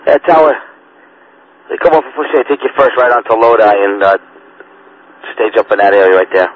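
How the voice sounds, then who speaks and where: Male incident commander, lower register, clipped and halting, over walkie-talkie with thin sound and light static. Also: lively intonation. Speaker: fire command officer on radio. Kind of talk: terse operational radio calls. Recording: noisy phone-like two-way radio.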